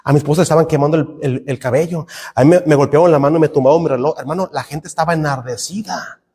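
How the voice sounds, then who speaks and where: A man's voice: a little high, quick pace, mellow, in a large hall. A middle-aged Mexican man preaching a fervent sermon in a Mexican Spanish accent, calling out to the brethren every few words. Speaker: pastor.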